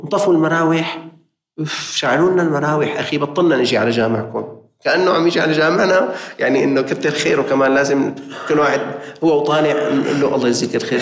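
Levantine guy giving a fiery sermon, mid pitch, echoey room. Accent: Levantine Arabic. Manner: impassioned, appealing directly to listeners. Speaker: preacher.

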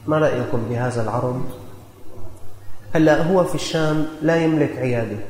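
In an echoey hall with long reverb and a little background noise, a man with a Damascene Syrian accent gives a sermon built around storytelling. His voice is mid-range and a bit mellow, and he speaks in an earnest, folksy way while exhorting his audience.

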